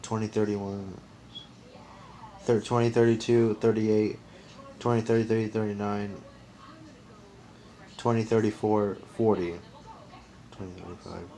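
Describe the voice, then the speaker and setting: A man's voice: lowish voice, flat delivery, a little slow, pauses often, dark tone, low-quality recording. A man in his twenties from the United States, talking straight to camera in a casual, rambling monologue, earnest, often restarting sentences. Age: 20s. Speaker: vlogger.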